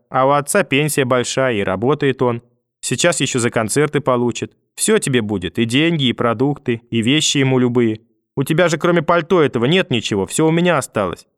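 A man's voice: medium pitch, no echo, studio quality, natural voice. A man voicing a hysterical, manipulative old grandmother who wails, pleads and curses through a door in an audiobook reading. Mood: pleading threatening. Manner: wailing, pleading then cursing through a door.

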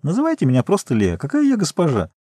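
A man's voice: fairly high pitch, wildly swooping pitch, fast talker, warm tone, no echo, pitched above the performer's own voice. A man reading aloud, voicing an eager, curious young woman traveler who asks teasing questions.

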